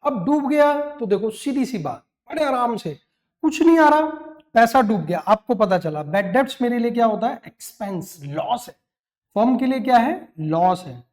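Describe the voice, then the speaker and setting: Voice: mid-range voice, lively intonation, normal speed, a little mellow. An accounting teacher giving a classroom lecture, calling students "beta", mixing in English terms and drilling them with repeated questions.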